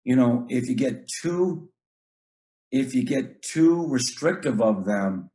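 A man's voice: mid-range voice, lively intonation, slow pace, mellow. A middle-aged man, a basketball coach, talking earnestly in casual chat, often repeating words and acting out what he tells his players.

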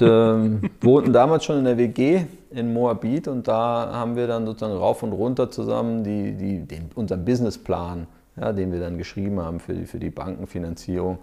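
A man, a podcast guest telling stories in a relaxed way with many fillers. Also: lowish voice, vocal fry. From Berlin, Germany. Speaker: podcast guest, startup founder. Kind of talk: casual interview storytelling.

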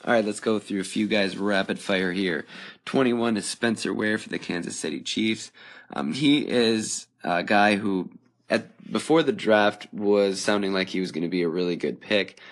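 A young man hosts a podcast on his own, musing out loud and filling pauses with ums. His voice sits very low with a gravelly, fry-laden texture. It sounds worn and slightly hoarse, as if he has been talking for a while. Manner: casual, thinking aloud with frequent ums. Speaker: podcast host. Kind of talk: solo podcast commentary.

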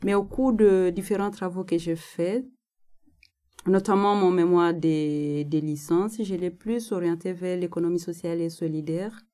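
A woman in her thirties from the Congo, explaining her research in a thoughtful way with frequent pauses. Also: lowish voice, steady tone, mellow. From Democratic Republic of the Congo, North Kivu. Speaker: guest researcher. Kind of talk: interview, personal account.

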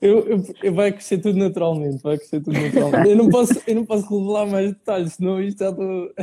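A man's voice: sits high, quick pace, hardly any pauses, dark tone, breathy edge. A man with a European Portuguese accent, a guest chatting in a joking, slangy way and repeating his phrases. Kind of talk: casual banter.

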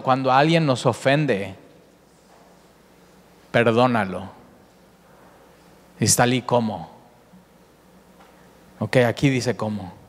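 A man preaching a sermon with animated delivery, often repeating words and rising in pitch for emphasis. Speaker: pastor. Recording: echoey hall with long reverb.

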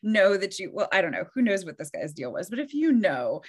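A woman's voice: mid-range voice, very animated, brisk, slightly rough. A woman co-hosting a podcast in casual chat, reacting with exclamations and laughter. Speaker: podcast co-host.

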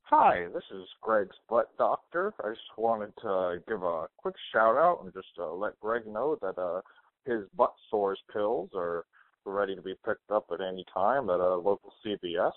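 Low-voiced man on a tinny landline voicemail. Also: lively intonation, no room sound. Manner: loose, halting, swears casually. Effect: heard over a landline phone voicemail. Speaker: voicemail caller. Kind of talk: rambling prank voicemail. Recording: tinny phone line, dry.

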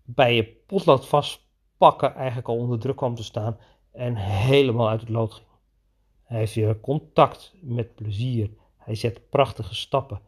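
A man who coaches children in his own practice, telling a podcast story in an enthusiastic, animated way. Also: medium pitch, measured pace, slightly rough. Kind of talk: podcast monologue.

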